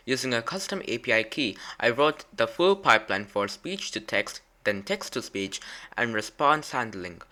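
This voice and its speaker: A man's voice: mid-range voice, bright, forceful tone. A young man giving a scripted narration as a student presenting a robotics project he built.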